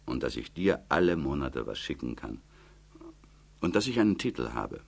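A man's voice: very deep voice, very animated, normal speed, creaky, breathy edge, pitched below the performer's own voice, heavily acted. A man reading the part of a stern, practical young woman, firm and matter-of-fact as she lectures. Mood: lecturing.

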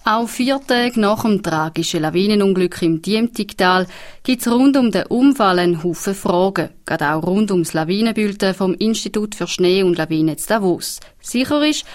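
A woman with a Swiss accent reading regional radio news in a studio, steady and measured. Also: medium pitch. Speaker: newsreader.

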